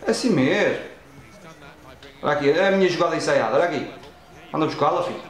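A man with a European Portuguese accent, playing a football video game and reacting loudly to each play as he talks at it. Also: fairly high pitch, fast, roomy sound, rough recording. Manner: excitable, talks at the game and the referee, frequent exclamations. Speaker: gaming channel host.

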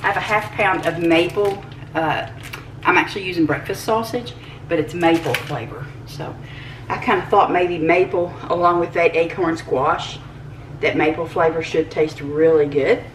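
In a casual cooking demonstration, an older woman chats warmly through a recipe at home, laughing softly and using fillers. She speaks at a normal speed with a fairly low pitch. The audio comes from a distant camera mic across the kitchen, with background noise audible.

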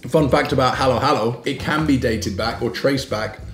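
A man's voice: medium pitch, normal speed. A man chatting playfully while eating on a food vlog, joking and talkative. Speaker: food vlogger. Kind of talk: casual chat while eating. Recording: echoey room with light music.

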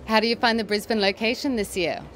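A young woman interviewing a guest at a trade show, enthusiastic and quick with praise, speaking into a handheld mic at an indoor expo stand. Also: fairly high pitch, a bit bright, slight background noise.

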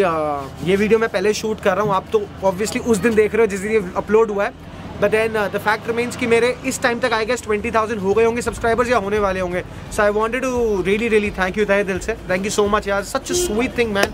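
At an outdoor street food cart area with background noise, a food vlogger, an Indian man in his thirties, enthusiastically exclaims and code-switches between Hindi and English. His voice is high, his intonation fairly even and his speed normal.

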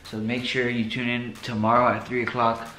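A man's voice: medium pitch, level tone, normal speed, pushed and bright, soft background music. Casual young man, roomy echo. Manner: casual, slangy, sulky. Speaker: vlogger. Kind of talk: casual couple vlog chat. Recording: echoey room with faint noise.

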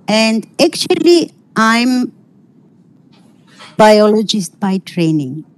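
Slow, halting middle-aged woman lecturing online. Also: mid-range voice, big pitch swings, rough recording. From Kazakhstan. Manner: halting, searching for words, non-native phrasing. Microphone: video call.

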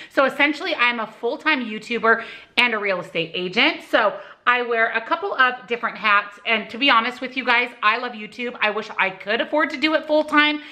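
Filmed by a tripod camera placed close in front, a friendly, talkative woman from the United States does her makeup in her kitchen and fields viewer questions. She's in her forties, works as a YouTuber and real estate agent, and speaks with a bright, forceful, fairly high voice.

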